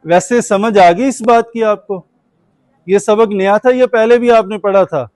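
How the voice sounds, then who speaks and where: In an unhurried, slightly mellow voice that sits high, a Quran teacher asks his class questions and patiently waits for them to respond. There's no room sound in the recording.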